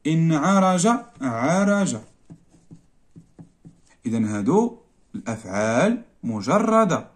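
A man with a Moroccan Arabic accent, a primary school teacher going through a worksheet and repeating each word slowly, drawn out for the pupils. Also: a little high, a little mellow. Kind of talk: explaining a worksheet lesson.

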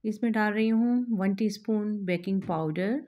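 A woman host, calmly explaining a recipe step by step to her viewers in a voice-over. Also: medium pitch, moderate pace. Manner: calm, instructive, addresses viewers directly. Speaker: cooking channel host.

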